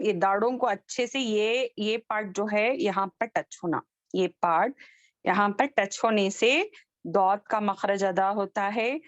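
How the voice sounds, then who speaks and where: A woman's voice: mid-range voice, dry recording. A woman teaching a Quran recitation class online, patiently drilling letter sounds and asking the students if they follow.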